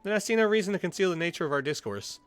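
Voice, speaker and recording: A man's voice: high-pitched, lively intonation, racing, fairly bright tone. Man reading as a stern port military officer.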